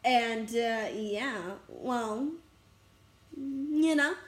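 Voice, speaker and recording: High-voiced excitable young woman vlogging. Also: drawn-out words. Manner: rambling, excitable, giggly and breathless. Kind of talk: casual vlog chat. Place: outdoors on a school campus.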